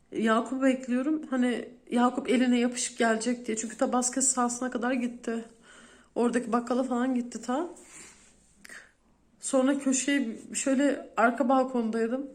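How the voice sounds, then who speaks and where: In her thirties, this female vlogger speaks directly to her viewers, recounting a frightening day in detail as emotional storytelling. Her voice is fairly high and darkish in tone, with fairly even intonation and a moderate pace.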